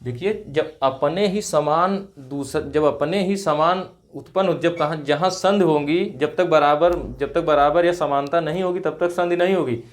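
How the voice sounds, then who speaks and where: A man's voice: fairly high pitch, moderate pace, hardly any pauses. A man teaching Hindi grammar in class, asking questions and checking understanding with short "right?" prompts after each point. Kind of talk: classroom lesson with call-and-response.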